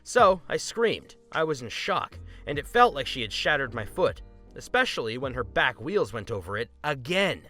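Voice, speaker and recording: A man narrating a first-person story in an expressive, scripted reading. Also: mid-range voice, moderate pace, faint music behind.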